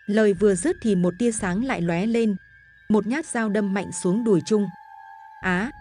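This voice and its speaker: A woman's voice: medium pitch, normal speed, dark tone, faint music behind. A woman narrating a gory horror story in a dramatic, vivid way.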